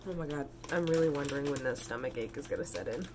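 A woman vlogger with a sick, rough voice, chatting casually and eagerly at home and thinking out loud. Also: extremely low pitch, fast talker. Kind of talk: casual vlog chat. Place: home kitchen. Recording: noisy home recording.

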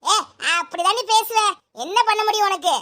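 A woman playing a sharp-tongued mother-in-law who scolds and hurls insults at her daughter-in-law in a comedy sketch. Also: extremely high pitch, fairly quick. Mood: scolding. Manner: scolding, name-calling.

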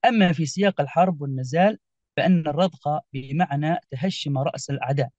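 A man presenting a research paper at an online conference, hesitant with many fillers, reciting verses slowly. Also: fairly high pitch, darkish tone, dry recording, dull audio.

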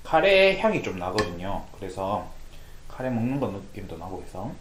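A man's voice: on the low side, sing-song, normal speed, slight background noise. A man hosting an eating show, chatting and asking questions with his mouth full of food. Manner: chatty, asks questions, laughs easily. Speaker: mukbang show host. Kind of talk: casual chat while eating. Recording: roomy echo.

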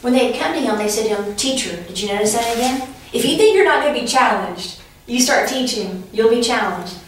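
This Bible teacher's fairly high, lively voice moves at a fairly quick clip, with a little hiss or hum, and sounds distant in an echoey room. She leads a preaching class in a relaxed storytelling style, breaking into laughter during her anecdotes.

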